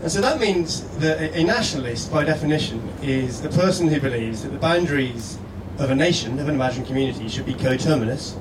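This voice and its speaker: A Scottish man reads a prepared persuasive letter aloud as a guest speaker at a live indoor stage event, earnest and rhetorical. His voice is slightly high, fast and nearly pauseless, recorded in an echoey room with a distant mic and steady background noise.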